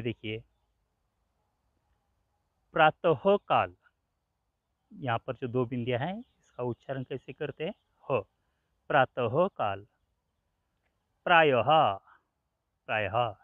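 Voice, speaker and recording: Slow, tinny-sounding male teacher. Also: mid-range voice, no echo. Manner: slow and explanatory, repeats examples and spells out letters. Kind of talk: Hindi grammar lesson. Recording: tinny phone-like sound, dry.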